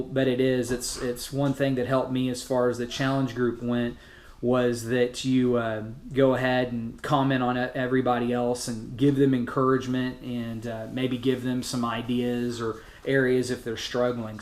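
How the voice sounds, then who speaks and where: Male coach for an informal group message. Encouraging, everyday delivery, average pitch, recorded with noticeable room echo. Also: flat delivery, normal speed. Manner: casual, encouraging, plain-spoken. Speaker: fitness challenge group coach. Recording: roomy, echoing sound.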